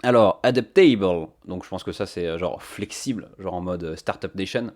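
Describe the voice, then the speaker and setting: A man's voice: sits low, normal speed, darkish tone. A man chatting casually to his stream viewers, thinking aloud with many fillers on a cheap microphone. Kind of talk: casual live-stream chat.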